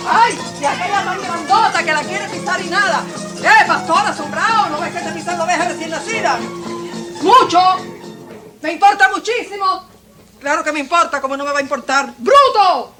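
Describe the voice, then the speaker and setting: Una actriz cubana interpreta a la joven esposa del zapatero, de genio vivo y dramático, que pasa de regañar a lamentarse entre exclamaciones. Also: female voice, extremely high pitch, a little fast, music in the background. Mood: indignant, scolding. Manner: exclamatory, swinging between scolding and lament. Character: fiery young shoemaker's wife, quick-tempered, dramatic. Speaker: stage actress. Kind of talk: theatre performance.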